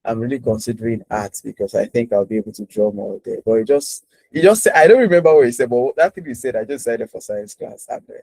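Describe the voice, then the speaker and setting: A man's voice: medium pitch, quick pace, darkish tone, no room sound, poor audio. A man hosting a casual interview over a video call, chatty and repeating himself with many fillers. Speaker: host.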